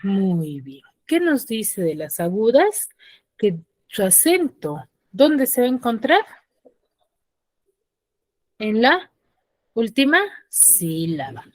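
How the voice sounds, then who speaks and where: A woman's voice: mid-range voice, big pitch swings, slow pace, long pauses, no echo. A woman teaching a secondary school class over a video call, quizzing her students and checking often that they follow. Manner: quizzes the students, often checks understanding with short tag questions.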